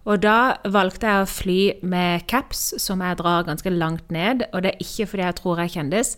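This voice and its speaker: A woman from Norway co-hosting a podcast, telling personal stories in a candid, animated way. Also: fairly low pitch, smooth. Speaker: podcast co-host. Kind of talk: casual podcast conversation.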